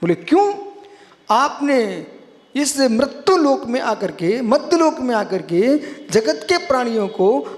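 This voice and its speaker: Monk guy preaching a sermon, really high voice, lots of hall echo, keeps repeating himself. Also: animated, unhurried. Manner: emphatic, repeats phrases, addresses listeners as friend. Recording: long hall reverb.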